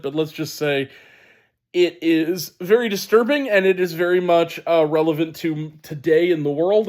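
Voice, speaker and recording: A man with a fairly high voice reviews films casually. He sounds wheezy and stuffed up in the sinuses, and he talks emphatically with a halting, unscripted flow. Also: darkish tone. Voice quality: wheezy, congested voice. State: sinus congestion. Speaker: film reviewer. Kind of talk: casual spoken movie review.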